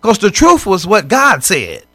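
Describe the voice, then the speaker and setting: A man co-hosting a faith broadcast, preaching in animated conversation and acting out voices from scripture stories. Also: high voice, a little slow, no room sound, faint music behind.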